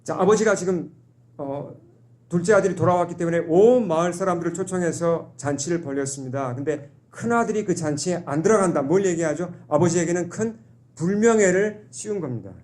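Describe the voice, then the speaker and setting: A pastor delivers a sermon in a church, his voice sitting fairly high for a man. He asks the congregation questions and acts out the voices he quotes. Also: fairly quick, darkish tone.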